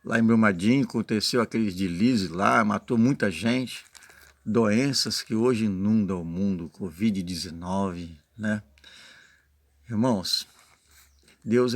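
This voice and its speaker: A man's voice: fairly low pitch, no room sound. A man with a Brazilian Portuguese accent giving an informal sermon in an earnest, explanatory way, sometimes reading passages aloud and often adding short check-in tags to his listeners. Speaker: lay preacher.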